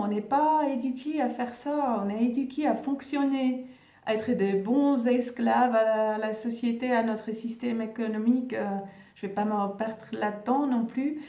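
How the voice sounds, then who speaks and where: Woman, non-native French accent, slow and searching for words, somewhat high voice. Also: roomy sound, far from the mic. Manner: gentle, searching for words, self-correcting. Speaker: spiritual video host. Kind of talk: casual vlog address to viewers.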